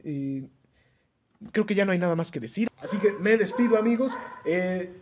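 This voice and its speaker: A high-voiced man with lively intonation and a slightly mellow tone reviews a handheld radio at normal speed over a faint hiss or hum. The casual demo is halting and filler-heavy, and he chuckles frequently, addressing his audience like friends.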